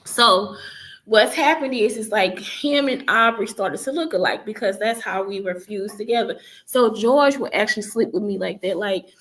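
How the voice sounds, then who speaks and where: Rambling woman telling her story. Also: fairly high pitch. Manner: rambling, with many fillers and self-corrections. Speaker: vlogger recounting her life story. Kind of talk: casual first-person storytelling.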